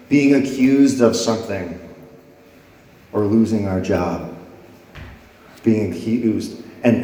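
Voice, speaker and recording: In a church sanctuary, a pastor preaches a sermon to his congregation, reading scripture dramatically as his voice swells and falls. His voice is warm and on the low side, and the echoey hall gives it a long reverb.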